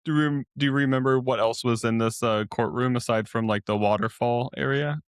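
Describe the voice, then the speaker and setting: A man hosts the interview with short, plain follow-up questions and quiet affirmations. His voice sits at an ordinary pitch. The sound is dry and close. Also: fairly even intonation, brisk, smooth, no echo. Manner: brief questions and backchannel affirmations. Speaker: podcast host. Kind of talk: interviewer prompts.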